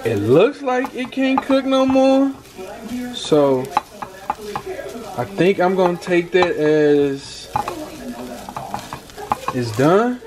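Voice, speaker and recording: A high-pitched, sing-song American voice drags out its words and leaves long pauses as an amateur cook vlogs casually from his small home kitchen. He mutters and repeats himself in bewilderment over the sound of clattering and sizzling.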